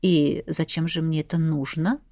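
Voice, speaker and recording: Icy nobleman husband, lower and quiet, mock-innocent; read by a woman for an audiobook. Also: fairly quick, gravelly, slightly rough, no echo, clean studio sound, full character voice. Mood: cold mocking. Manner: soft, falsely innocent and icy. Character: cold, mocking young nobleman husband.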